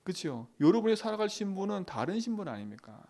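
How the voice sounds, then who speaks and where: A man preaching a dawn prayer sermon as pastor, asking the congregation questions, swinging from loud emphatic lines to quiet asides. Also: high-pitched, big pitch swings, fast talker.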